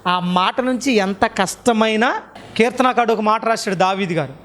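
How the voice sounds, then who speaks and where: A man's voice: high-pitched, normal speed, a bit bright. Man preaching with rhetorical questions. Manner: fires repeated rhetorical questions at the listeners; colloquial, urges the congregation to answer aloud. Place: church hall.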